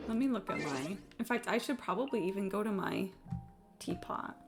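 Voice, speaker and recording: A female live game streamer chats casually, rambling, swearing and poking fun at herself. Her mid-range voice is expressive and at normal speed. Game music plays in the background.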